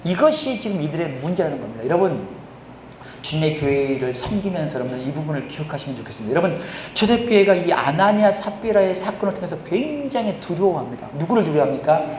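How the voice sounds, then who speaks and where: A male pastor preaching a sermon, often asking the congregation questions and answering them himself, his voice swinging between loud and quiet. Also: a little high, very animated, fast, a little hiss or hum. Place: church sanctuary. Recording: echoey church hall recording.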